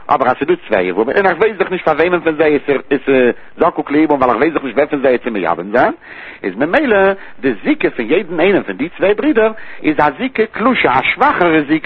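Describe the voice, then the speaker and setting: A man's voice: on the high side, very animated, a little fast, breathy edge. A man teaching a traditional religious text study lesson in a sing-song study cadence, repeating key terms as he works through the passage. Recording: tinny phone-line recording.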